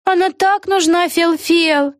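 A woman's voice: extremely high pitch, fairly even intonation, slow, dry recording, clean studio sound, pitched above the performer's own voice. A woman voicing a cheerful, scatterbrained young witch girl in a storybook reading, bubbly and sing-song. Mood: cheery.

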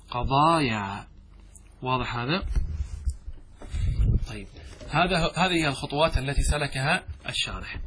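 Husky-voiced man teaching grammar to a class. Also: fairly high pitch, bright, forceful tone. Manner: asks students questions and repeats answers, drawn-out emphasis on key words. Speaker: sheikh teaching Arabic grammar.

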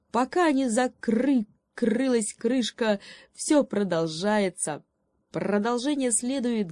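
A woman voicing a carefree, cheeky raven who drawls slowly and stutters croaks into his words. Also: medium pitch, a little mellow, dry recording, studio quality, voice pushed up, close to an everyday voice.

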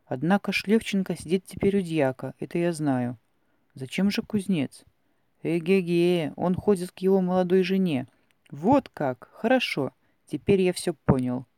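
Guy doing a cranky old cossack villager, grumbles and mutters to himself, high and loud. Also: normal speed, no room sound, clean studio sound. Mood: muttering.

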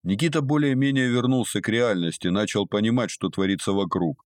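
A man with a very deep, low voice narrates a story in a steady, even manner. The recording is close and dry, with no room echo at all. He reads as a practised audiobook narrator. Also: fairly quick. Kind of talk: scripted narration.

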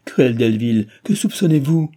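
A man's voice: medium pitch, normal speed, mellow, breathy edge, voice pushed up, close to an everyday voice. A man reading aloud and voicing an agitated, pleading young heiress in a raised voice.

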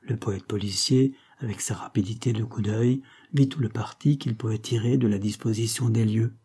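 A male narrator reading a classic novel at a steady, measured pace. His voice is very dark and mellow, with a noticeable husky texture. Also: lowish voice. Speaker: audiobook narrator. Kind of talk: scripted narration.

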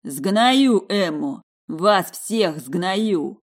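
A woman growling as a brutish, furious heavy man. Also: fairly low pitch. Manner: slow, drawn-out bellowing threats.

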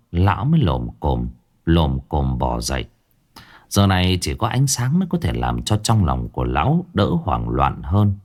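A man narrating a ghost story in a slow, dramatic storyteller's delivery, drawing out sound words. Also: sits low, a little mellow. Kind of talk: scripted horror story narration.

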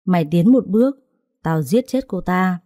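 A woman's voice: fairly low pitch, expressive, normal speed, dark tone, no echo, studio quality. A woman voicing a cruel, scheming sister-in-law who talks in a harsh, contemptuous, threatening way. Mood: menacing.

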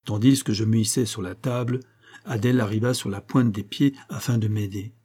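A man narrating a classic short story in a measured, expressive storytelling manner. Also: on the low side, slightly rough. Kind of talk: literary audiobook reading.

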